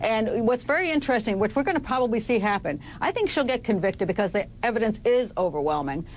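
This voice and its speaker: Female profiler, slightly high voice, assured and vivid, faint rumble behind her. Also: animated, fast talker. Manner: assured, vivid, acts out quotes. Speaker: criminal profiler. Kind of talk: broadcast panel commentary.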